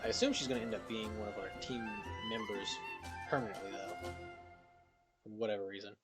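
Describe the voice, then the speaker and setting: A man's voice: lowish voice, fairly even intonation, a little fast, loud music behind the voice. A man giving casual, slangy commentary on a video game, addressing his viewers.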